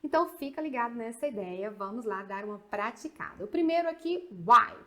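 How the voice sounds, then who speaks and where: Brazilian woman, English teacher, chatty, slightly high voice, slows down on example sentences. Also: expressive, pushed and bright. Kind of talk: video lesson.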